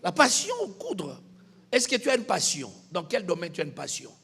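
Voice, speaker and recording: A man preaching a sermon in a church hall, animated, with bursts of shouting and laughter. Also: high voice, normal speed, vocal fry, husky. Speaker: pastor.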